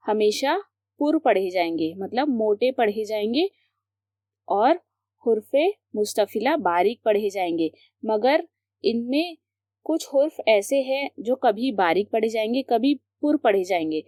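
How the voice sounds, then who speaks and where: A woman's voice: fairly high pitch, expressive, measured pace, warm tone, no room sound, studio quality. A woman teaching Quran reading to beginners, who patiently repeats each example word and asks her students questions. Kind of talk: step-by-step tajweed lesson.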